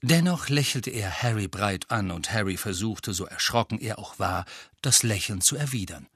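Male audiobook narrator, animated, bright and slightly husky, dry close mic. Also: fairly low pitch, normal speed, no echo. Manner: animated, voices each character. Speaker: audiobook reader. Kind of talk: expressive scripted narration.

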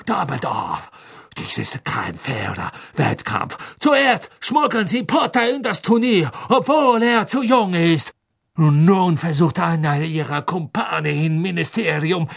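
A man voicing a proud, suspicious male headmaster who shouts in a shrill voice in an audiobook. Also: vocal fry, slightly rough, no room sound, clean studio sound, full character voice.

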